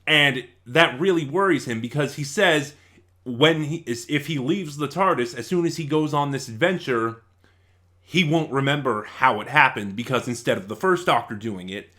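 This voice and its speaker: A man with a mid-range, slightly bright voice gives an unscripted, casual review. He rambles in a scatterbrained way, often losing his thread and correcting himself.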